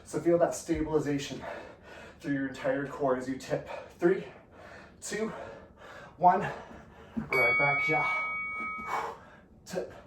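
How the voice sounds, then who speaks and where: A man's voice: a little high, takes it slowly, long pauses. A man coaching a workout, counting down reps with encouragement while breathing heavily. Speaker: fitness instructor. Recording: echoey room, distant from the mic, noisy.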